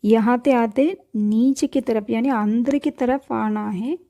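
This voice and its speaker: Slow, patient woman teaching letters. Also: fairly high pitch, steady tone, dark tone. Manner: patient, repeats letters slowly for the learner. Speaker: language teacher. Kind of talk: step-by-step writing lesson.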